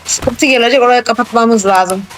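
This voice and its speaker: Excitable gamer over faint music. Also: mid-range voice, moderate pace. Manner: excitable, exclaiming and teasing a co-player. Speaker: gaming channel host. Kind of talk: casual let's-play commentary.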